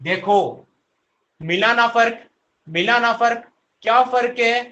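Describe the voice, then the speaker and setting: A man's voice: very high voice, slow, pushed and bright, lo-fi sound. A male teacher giving an online class, quizzing students with repeated questions and answering them himself. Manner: answers his own questions.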